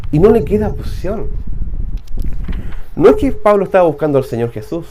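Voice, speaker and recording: A man's voice: high voice, mellow, a little hiss or hum. A man with a Chilean accent, a pastor preaching a conversational sermon full of rhetorical questions to his congregation.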